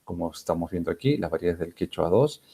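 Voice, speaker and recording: A man's voice: deep voice, expressive, quick pace, gravelly, mellow, breathy edge. A male researcher giving an academic conference talk, hesitant, with many fillers and restarts. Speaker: linguistics researcher presenting a conference paper.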